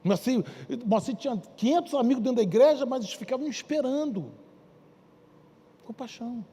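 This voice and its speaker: A Brazilian bishop with a Carioca Portuguese accent preaches a sermon in church, dramatically telling stories and acting out characters' shouts and soft pleas. His voice is very high, animated and breathy-edged, moving fairly quickly, with the spacious sound of a big room.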